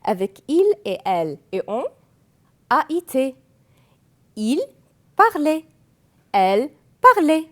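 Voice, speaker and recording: A woman whose first language is Arabic, teaching French grammar slowly, spelling out verb endings and repeating each form. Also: high voice, sing-song, a bit bright. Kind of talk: classroom grammar lesson.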